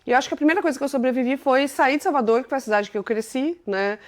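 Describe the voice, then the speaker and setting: A woman's voice: sits high, very fast. A woman in her forties from Brazil, a company CEO telling her life story as an interview guest, chatty and enthusiastic, peppering her talk with little tag questions. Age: 40s. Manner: chatty, full of filler tags, enthusiastic storytelling.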